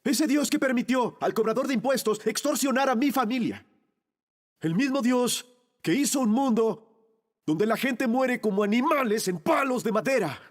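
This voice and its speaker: An actor playing a dying thief on a cross, speaking a grave, intense monologue. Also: male voice, very high voice, lively intonation, moderate pace. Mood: bitter. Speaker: narrator of a monologue. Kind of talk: dramatic film monologue, dubbed.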